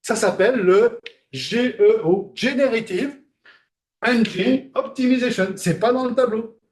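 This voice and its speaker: A man giving a classroom lecture, talking conversationally, asking the class questions and pausing on fillers. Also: very high voice, a little mellow.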